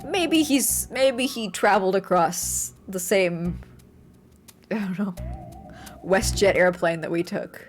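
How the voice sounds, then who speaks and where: A woman streaming live gameplay, talking in an animated, playful way and swearing casually. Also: medium pitch, slow. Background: faint game music.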